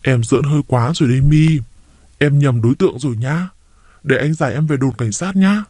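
A man reading a story aloud, voicing a calm, stern police officer husband. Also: mid-range voice, brisk, dry recording, natural voice.

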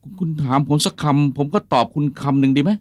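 A man's voice: fairly high pitch, quick pace, darkish tone, dry recording, natural voice. A man voicing a flustered, henpecked husband who stammers and pleads while confessing to his wife, for a fan dub of a comedy film. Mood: pleading.

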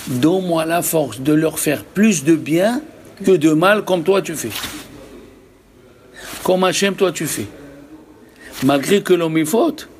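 A man's voice: a little high, slow pace, pauses often, slight background noise. Emphatic man teaching a religious class. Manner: emphatic, rhetorical questions, lively storytelling. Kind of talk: Torah lesson to a live group.

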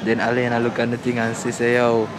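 A man's voice: medium pitch, monotone, fast talker, background noise. A man with a Jamaican accent chatting casually for a travel vlog in an airport terminal. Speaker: travel vlogger.

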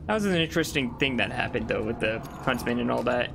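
A man's voice: mid-range voice, fast, gravelly, background noise. A young man casually commenting on his own gameplay, talking to himself as he plays. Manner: relaxed, talks to himself as he plays. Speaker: gaming channel host. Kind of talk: casual let's-play commentary. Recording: game music under the voice. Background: game music.

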